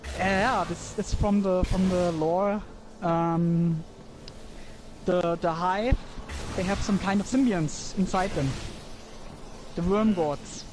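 High-voiced man explaining raid tactics. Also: steady tone, slow, darkish tone, slight background noise. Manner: explains with many fillers and restarts. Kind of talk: game voice chat.

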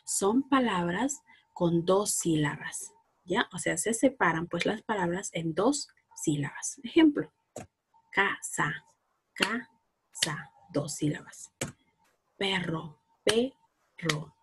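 A woman with a Peruvian Spanish accent teaches a recorded lesson to young schoolchildren in a fairly low, breathy voice with lively intonation. Slow and patient, she coaxes them with questions and praises their answers.

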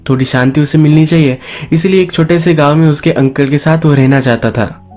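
A man's voice: a little high, a little fast, a little mellow, soft background music. Man narrating a movie recap. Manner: casual storytelling, English words mixed into Hindi. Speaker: movie explainer.

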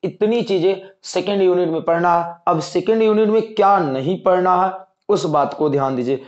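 Going over the exam syllabus, this male teacher speaks in a high-sitting voice at a moderate pace, repeating the main points and calling his students dear children to reassure them. The exam-prep lecture sounds lo-fi and dull, with echo from the room.

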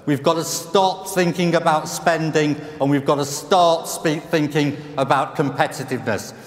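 A middle-aged man from the UK giving an emphatic conference keynote as an economist, using rhetorical questions and repeated punchlines, on a large stage with a headset mic. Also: fairly high pitch. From United Kingdom. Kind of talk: conference speech. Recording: roomy hall reverb.

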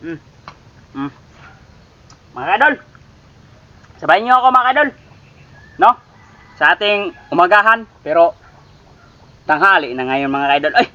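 A man's voice: high voice, animated, measured pace, pauses often, sharp tone, muffled recording. A man from the Philippines chatting casually to viewers in a cooking vlog, calling them idols again and again. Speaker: cooking vlogger.

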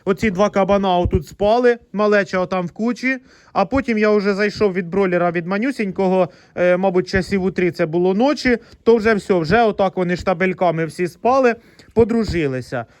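A man's voice: high voice, brisk, no room sound. A man, a pig farmer, chatting casually as he shows his pen, fond with the piglets and scolding them. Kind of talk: casual vlog narration.

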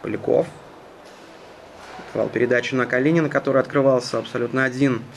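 A male commentator calls a hockey game live in a measured, conversational way. His pitch is average for a man. Faint arena noise sits behind him. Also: steady tone, vocal fry. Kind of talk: live sports play-by-play commentary. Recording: noisy ice rink ambience.

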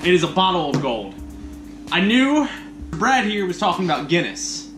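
A man in his thirties with a high voice banters casually as a co-host. His delivery jumps around in pitch and is crude and jokey. The room echoes around him and music plays behind. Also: very animated, moderate pace. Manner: crude, joking, interjecting. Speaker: review show co-host. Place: small indoor lounge, on a couch. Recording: roomy echo, music behind.

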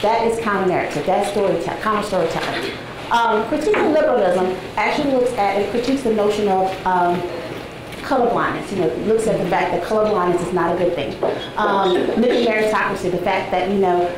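A woman in her forties, a guest lecturer, gives an academic talk to a seated audience, soft-spoken and conversational with frequent ums. Her mid-range voice moves briskly. A distant camera with no visible mic captures her in a large, echoey seminar room with a noisy background.

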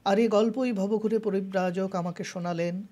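Mellow husky-voiced literature lecturer. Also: mid-range voice, steady tone, moderate pace. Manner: methodical, defines terms, mixes in English words. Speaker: channel host and literature teacher.

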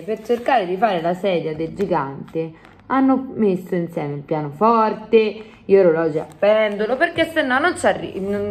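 A woman reading a storybook aloud to a class of children, stopping for chatty asides. Her voice rises and falls in a lively, animated way. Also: mid-range voice.

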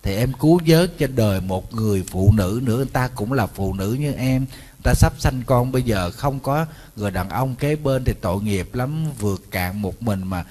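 A man's voice: medium pitch, lively intonation, moderate pace, darkish tone, lightly acted. A man acting a pleading cheating husband. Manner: coaxing, wheedling. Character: pleading unfaithful middle-aged husband.

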